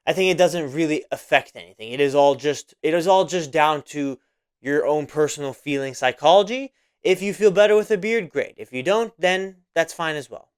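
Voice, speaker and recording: In a clear, resonant, slightly high voice, a man of about twenty rambles casually through a solo podcast. He repeats himself often and leans heavily on fillers.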